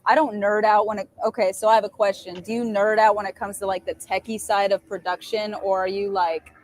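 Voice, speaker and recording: A woman's voice: medium pitch, level tone, fairly quick, a little hiss or hum. A woman musician being interviewed, talking in a chatty, upbeat way. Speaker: musician guest. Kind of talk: casual chat.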